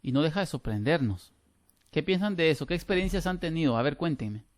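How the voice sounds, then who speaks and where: A middle-aged man, teaching a grammar class over a video call, lively and emphatic with frequent restarts. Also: fairly high pitch, fairly quick, no room sound. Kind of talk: online class lecture.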